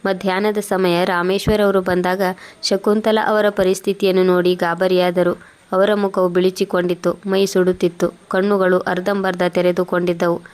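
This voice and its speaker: A woman narrating a moral story in an even, scripted reading. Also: lowish voice, normal speed.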